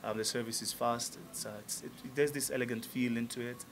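A man's voice: mid-range voice, fairly even intonation, fairly quick, noisy background. A man in his thirties from Tanzania, a musician being interviewed, talking casually and enthusiastically with many fillers in a restaurant lounge. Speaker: musician guest. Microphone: table mic on stand.

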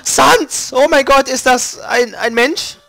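Guy doing papyrus, big loud skeleton dude bragging, trips over his words, high voice, game music faint behind. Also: slow, creaky, no room sound, heavily acted. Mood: boastful. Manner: pompous, shouting, stumbles over words. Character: loud boastful male skeleton guard.

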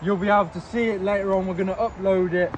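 A man's voice: high-pitched, fairly even intonation, quick pace. A young man, cold from river water, co-hosting a casual fitness live stream outdoors. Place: outdoors, in and beside a park river. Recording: noisy outdoor recording.

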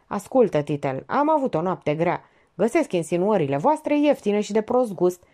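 Woman narrator voicing a fed-up man, curt, mellow tone, audiobook. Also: medium pitch, big pitch swings, lightly acted. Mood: exasperated. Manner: curt, exasperated. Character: weary, irritated engineer, a grown man.

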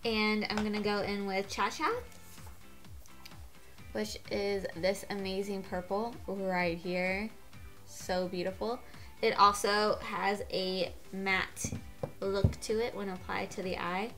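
A woman's voice: mid-range voice, flat delivery, takes it slowly, fairly bright tone, faint music behind. A congested woman with a cold giving a chatty makeup tutorial, gushing and getting out of breath. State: gets out of breath. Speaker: beauty vlogger.

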